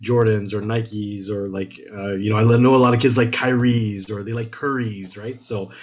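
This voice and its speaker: A man's voice: lowish voice, fairly even intonation, normal speed, a little mellow. Casual man from Canada, slightly muffled audio. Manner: rambling, slangy questions. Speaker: interviewer, host. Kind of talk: casual interview chat.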